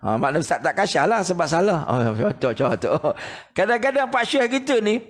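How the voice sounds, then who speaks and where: A middle-aged religious teacher with a Malaysian Malay accent, speaking in a noticeably high voice. He teaches in an animated storytelling way, acting out the voices of people in his anecdotes. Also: normal speed. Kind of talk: morning religious lecture.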